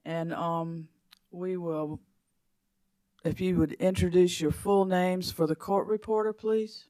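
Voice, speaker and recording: A man's voice: high voice, fairly even intonation, takes it slowly, dark tone, no echo. Man chairing a formal hearing. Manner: procedural, with hesitant fillers. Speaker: commission chair running a hearing.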